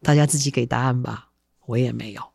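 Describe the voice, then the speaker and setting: A middle-aged woman, a podcast host telling a spooky story in a chatty, lively way with asides to her listeners. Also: very deep voice, fairly quick, creaky, breathy edge, no echo, clean studio sound.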